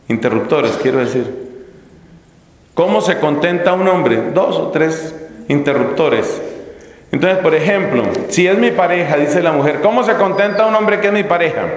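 A middle-aged man with a Colombian Spanish accent gives a lively, humorous sermon, acting out the people he talks about. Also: on the high side. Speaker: Dominican friar preacher. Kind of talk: sermon to religious sisters. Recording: echoey hall, long reverb.

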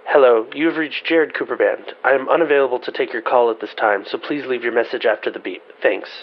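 Man, mid pitch, formal voicemail greeting played over a landline phone, muffled lo-fi sound. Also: fairly quick. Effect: answering machine message over a landline phone. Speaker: answering machine greeting.

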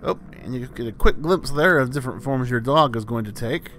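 A man's voice: mid-range voice, brisk, fairly bright tone, soft background music. A man commenting on a video game as he plays it, with dry, wry humor and meandering asides. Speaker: let's play host. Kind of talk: gameplay commentary.

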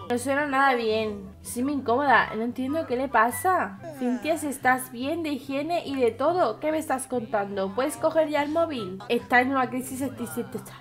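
A young woman with a Spain Spanish accent, giving casual, chatty commentary while playing a life-sim game. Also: a little high. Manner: chatty, exclaims and reacts to the game. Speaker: gaming YouTuber.

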